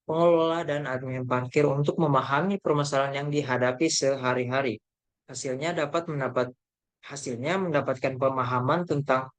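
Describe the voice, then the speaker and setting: A young man, a university student, presenting a group report by reading his slides aloud, with halting delivery, restarts and fillers. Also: medium pitch. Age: young adult. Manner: reads haltingly, with self-corrections and fillers.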